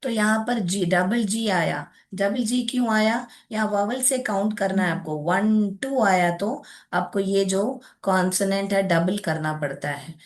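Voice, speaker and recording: Young woman, classroom teacher, slow and patient, explains step by step, mixes in English words. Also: mid-range voice. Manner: patient, explaining step by step, addresses pupils as child. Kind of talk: classroom grammar lesson.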